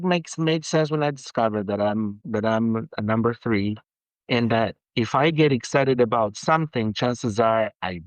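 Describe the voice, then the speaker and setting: A man from Argentina, a perfumer, talking as a guest in a casual interview, halting with many restarts and growing animated when excited. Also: medium pitch, no room sound, rough recording.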